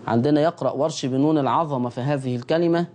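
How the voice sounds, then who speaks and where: A middle-aged man with an Egyptian Arabic accent giving a televised Quran recitation lesson, repeating key phrases and slowly sounding out letters for viewers to copy. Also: fairly high pitch, a little mellow.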